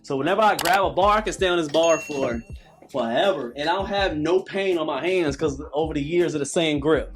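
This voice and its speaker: A fitness coach in his late thirties leads a calisthenics workout, his cues emphatic, preachy and repetitive. His voice is a little high and a little fast, with faint music in the background.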